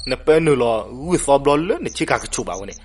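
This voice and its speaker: A man narrating a folk legend, animated and switching voices for the characters. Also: mid-range voice, very fast. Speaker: storyteller. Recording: noisy recording with crickets behind.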